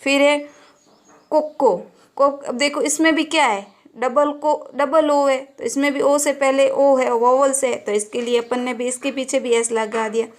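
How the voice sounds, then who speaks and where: A woman's voice: high voice, fairly even intonation, a little slow. A woman with a Rajasthani Hindi accent teaching a classroom grammar lesson, patiently asking questions and answering them herself. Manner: patient, asks and answers her own questions. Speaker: school teacher.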